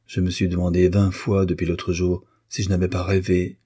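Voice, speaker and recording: A man's voice: deep voice, completely flat delivery, normal speed, warm tone, breathy edge. A man voicing a proud, hot-tempered young Russian musician who speaks brusquely and angrily in an audiobook reading. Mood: passionate. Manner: brusque, angry. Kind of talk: audiobook character voice.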